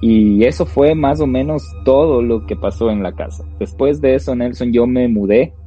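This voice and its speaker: A man tells a personal ghost story to podcast listeners, slowly and with suspense. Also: mid-range voice, warm tone, husky. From Ecuador. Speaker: podcast co-host. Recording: dull lo-fi sound with faint music.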